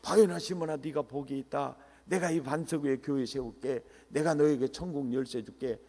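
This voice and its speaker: A middle-aged man preaching at a revival meeting, animated, quizzing the congregation and bursting into shouts. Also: mid-range voice, moderate pace. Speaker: pastor, revival meeting speaker. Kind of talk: revival sermon. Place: church sanctuary. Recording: echoey church hall.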